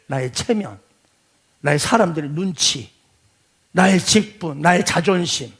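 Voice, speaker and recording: A male pastor preaching a sermon, swinging between quiet asides and shouted pleading. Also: a little high, expressive, measured pace, creaky, slightly rough.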